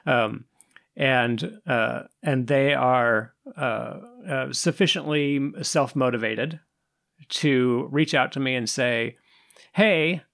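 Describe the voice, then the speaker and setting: A man with a gravelly, mid-pitched voice co-hosts a podcast. He thinks aloud hesitantly, often repeating words as he searches for his point. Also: slow pace, a bit bright. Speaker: podcast co-host. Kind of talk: podcast discussion.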